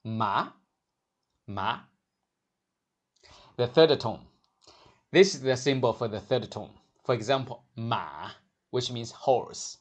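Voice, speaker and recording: A man teaching a scripted lesson on Mandarin pronunciation, speaking in a measured way and sounding out each syllable slowly and clearly. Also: mid-range voice, darkish tone.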